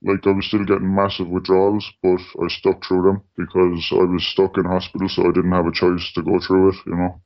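With a completely flat delivery, this man speaks briskly and barely pauses. He's an unnamed radio interview guest, voice deepened and masked by a distortion filter, talking in a plain, matter-of-fact manner with lots of "like" and "you know," captured in dull lo-fi sound.

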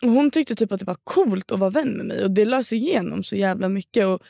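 A woman's voice: mid-range voice, gravelly, warm tone, no room sound, clean studio sound. A young woman from Sweden telling a long story in casual podcast chat, slangy and swearing. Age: young adult. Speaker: podcast co-host.

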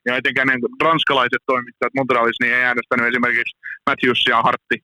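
A man co-hosting a casual sports podcast, giving short replies and relaxed asides. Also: mid-range voice, no room sound, rough recording. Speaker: podcast co-host.

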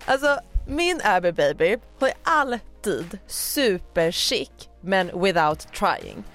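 A woman's voice: mid-range voice, big pitch swings, a bit bright, soft background music. A young woman co-hosting a casual chat, talking in a playful, reflective way. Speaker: podcast co-host.

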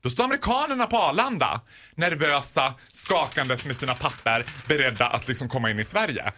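A man telling a comic story as a guest on a morning radio show, laughing often and acting out the people in it. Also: mid-range voice. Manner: animated, laughs often, acts out other people's voices.

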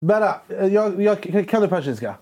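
A man chatting casually on camera, joking and jumping into things with quick restarts. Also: sits high, animated, a little mellow. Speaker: vlogger. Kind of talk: casual chat.

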